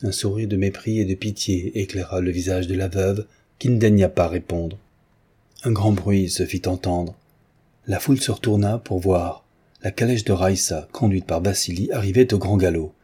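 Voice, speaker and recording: A man narrates a classic novel in a measured audiobook reading. His voice is deep and husky, with a dark, mellow color. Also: steady tone. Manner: measured, literary.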